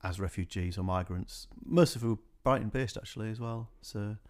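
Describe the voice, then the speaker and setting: A man is a guest on a radio interview and speaks in a fairly low voice. He talks about his music work casually and at length, with plenty of ums and hedges. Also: a little fast. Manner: relaxed and rambling, many fillers and hedges.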